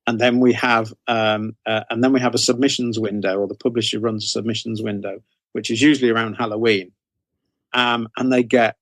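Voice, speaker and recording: A man with a lowish voice, recorded without echo, answers casually as an interview guest; he's an author and anthology editor. His explanations are tentative, with frequent repeats and self-corrections.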